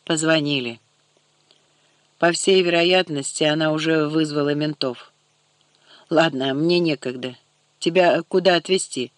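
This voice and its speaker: A man's voice: on the high side, steady tone, a little slow, long pauses, no room sound, close to an everyday voice. A man reading a curt, slangy tough guy. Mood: businesslike. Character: brisk gangster-like young man, blunt and busy.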